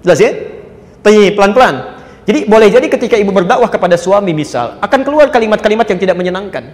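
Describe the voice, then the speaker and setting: A man preaching a sermon to a live audience, lively, addressing listeners as sir and madam and acting out quoted prayers and dialogues. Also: high-pitched, quick pace. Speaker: Islamic preacher. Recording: echoey hall with faint ambience.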